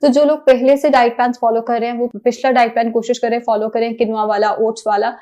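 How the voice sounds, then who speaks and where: A woman's voice: fairly high pitch, flat delivery, fast talker, warm tone. A woman giving plain, step-by-step diet instructions, with English words mixed in. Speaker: diet planner.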